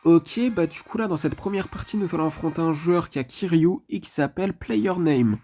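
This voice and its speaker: A man's voice: fairly high pitch, normal speed, warm tone, faint music behind. A man giving casual commentary over his mobile game match, chatty and leaning on filler phrases. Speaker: mobile game channel host.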